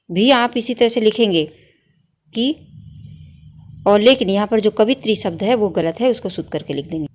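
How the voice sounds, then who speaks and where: A woman teaching a Hindi grammar lesson, talking to her students as children and repeating each sentence slowly before she corrects it. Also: mid-range voice, a little mellow.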